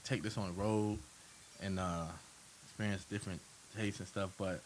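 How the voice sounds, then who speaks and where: A man's voice: low voice, normal speed, a little hiss or hum. A man telling stories in a casual group chat, laughing often. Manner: animated storyteller, laughs a lot. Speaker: co-host.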